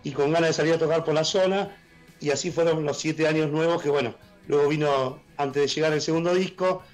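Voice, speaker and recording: Argentine guy with a worn husky voice, kinda high, chatting excited on a video call, soft music behind. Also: low-quality recording. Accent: Argentine Spanish. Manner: enthusiastic, halting with fillers. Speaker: blues musician guest. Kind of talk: casual radio interview. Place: room at home, joining by video call.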